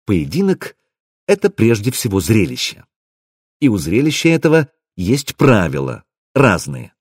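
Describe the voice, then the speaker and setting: A man narrating an audiobook in the first person, with an expressive, wry delivery. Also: on the low side, measured pace, slightly rough, no echo, clean studio sound.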